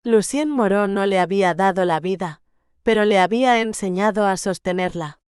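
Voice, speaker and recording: Smooth-voiced woman narrating a romance. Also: medium pitch, no room sound, clean studio sound. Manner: measured, gentle storytelling. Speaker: audiobook narrator. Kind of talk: audiobook narration of a romance novel.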